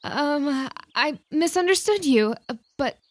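A woman's voice: high voice, expressive, slow pace, pitched above the performer's own voice. A woman voicing a polite young newcomer who speaks sweetly and gets a little flustered.

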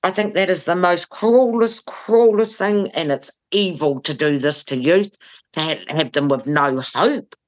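A woman with a New Zealand accent, appearing as an interview guest, gives blunt, emphatic opinions in conversation and repeats phrases for stress. Her voice is lowish and a little slow.

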